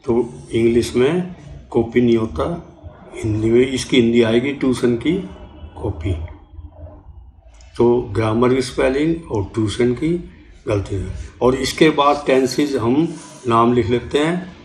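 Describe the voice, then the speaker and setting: An older man with an Indian accent teaching English grammar, spelling words out slowly letter by letter. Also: medium pitch, a little mellow, reverberant. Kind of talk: classroom-style grammar lesson.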